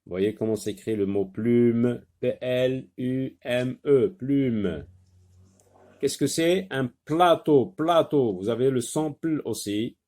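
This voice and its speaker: A man's voice: mid-range voice, takes it slowly, mellow. A man with a Maghrebi French accent, teaching a reading lesson and patiently sounding out syllables.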